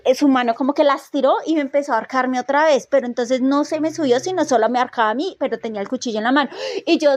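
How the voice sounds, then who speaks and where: A woman with a high, bright-pitched voice tells a chilling personal story in casual podcast chat. She talks in an animated way, restarting sentences and acting out her own reactions. The sound is dry and close to the mic. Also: very fast, no room sound.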